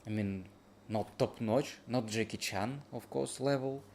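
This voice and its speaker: A tired man chatting casually as he reacts to a video, in halting, drifting phrases. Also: lowish voice, a little mellow, a little hiss or hum. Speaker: streamer reacting to a video review. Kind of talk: casual late-night reaction chat.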